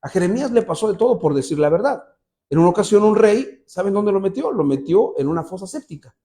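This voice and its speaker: A man preaching a sermon to a congregation in church, reading from the Bible and retelling its stories in a lively way, speaking directly to his listeners. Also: high voice, quick pace. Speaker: pastor.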